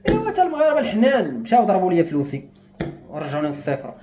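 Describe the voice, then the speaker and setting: A man's voice: high-pitched, wildly swooping pitch, very fast, background noise. A young man with a Moroccan Arabic accent, speaking to camera in an agitated, despairing rant. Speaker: vlogger. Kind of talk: emotional monologue to camera.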